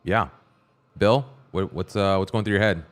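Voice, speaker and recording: Deep-voiced upbeat male podcast host. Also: moderate pace. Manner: upbeat, loose, greets chat viewers. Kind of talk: casual livestream podcast hosting.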